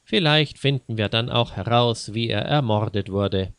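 A man's voice: medium pitch, a little slow, fairly bright tone, dry recording. A man doing a sneering sarcastic man. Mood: mocking. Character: mocking, dry-humored grown man.

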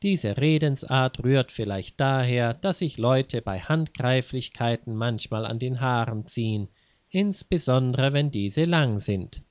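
A man narrating a story slowly and clearly for learners, pausing to explain idioms. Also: mid-range voice, no echo. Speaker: narrator and language teacher.

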